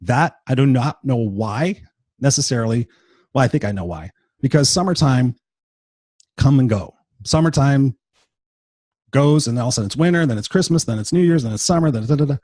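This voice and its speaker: Blunt, husky-voiced motivational man in his fifties. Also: medium pitch, animated, a little fast, pauses often, darkish tone, no room sound. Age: 50s. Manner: blunt, profane, emphatic. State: tired and unwell. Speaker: motivational podcast host. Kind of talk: unscripted motivational monologue.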